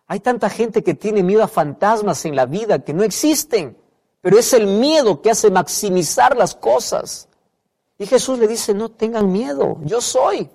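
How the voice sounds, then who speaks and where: A man with a high-pitched, slightly mellow voice preaches a sermon in a reverberant hall. He's emphatic, repeats key phrases, and puts questions to the listener.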